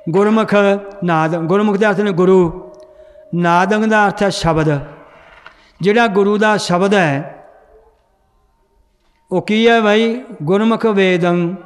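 A man's voice: sits high, big-room sound. A man teaching a group how to read and understand scripture, quizzing the class and then answering himself. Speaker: Gurbani grammar teacher.

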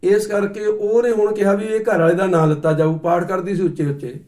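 A middle-aged man giving a sermon, telling stories and explaining recitation slowly. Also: high voice, flat delivery, darkish tone. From Punjab. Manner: storytelling, acts out quoted voices, slow deliberate explanations. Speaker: Sikh preacher. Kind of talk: katha sermon with anecdotes.

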